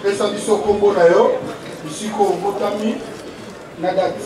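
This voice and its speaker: A man questioning people one after another at a public trial, in brisk, clipped questions. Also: high voice, steady tone, noisy background. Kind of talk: rapid-fire questioning. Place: public gathering. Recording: echoey, distant mic with loud crowd.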